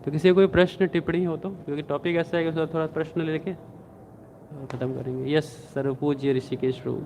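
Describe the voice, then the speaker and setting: A man delivers a devotional scripture class, telling stories and acting out quotes with animation, his pitch rising as he does. He speaks a little fast. The sound is tinny, like a phone, with a little hiss or hum.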